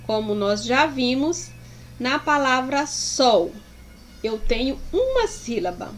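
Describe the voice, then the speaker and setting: A woman's voice: sits high, very animated, slow pace, a little hiss or hum. A woman teacher explaining a lesson to pupils, affectionate and sounding out words syllable by syllable. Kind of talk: slow, deliberate classroom explanation.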